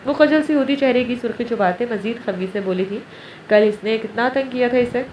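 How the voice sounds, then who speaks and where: A woman narrator reading a romance novel aloud in a steady storytelling manner. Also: fairly high pitch. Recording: roomy, distant, dull, faint hiss.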